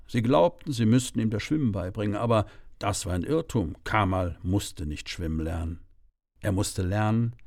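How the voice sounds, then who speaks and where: A middle-aged man calmly narrating a first-person audiobook story in a measured way. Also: lowish voice, vocal fry, dry recording, clean studio sound.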